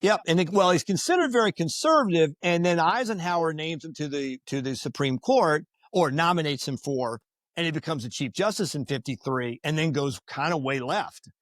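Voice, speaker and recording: Animated man telling history stories. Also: a little high, normal speed, no echo, studio quality. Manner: animated, acts out quoted voices. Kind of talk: casual podcast storytelling.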